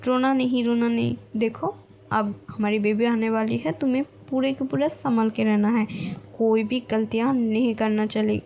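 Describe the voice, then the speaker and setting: A woman's voice: a little high, steady tone, normal speed, gravelly, dull audio, a little hiss or hum. A woman voicing a confident, protective mafia king who teases and coaxes in a playful way, in a Hindi storybook retelling. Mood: soothing. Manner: playful, coaxing and reassuring.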